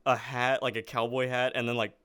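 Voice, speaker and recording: A man's voice: mid-range voice, flat delivery, fairly quick, fairly bright tone, clean tone, no room sound, studio quality. A young man hosting a casual podcast chat, laughing often and filling his sentences with "like". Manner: laughs often, lots of "like" fillers. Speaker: podcast host.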